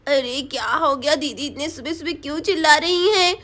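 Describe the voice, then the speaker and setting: A woman's voice: high voice, moderate pace, fairly bright tone, voice pushed down. A woman doing a fretting polite young woman. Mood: worried. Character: worried young woman, gentle younger sister-in-law.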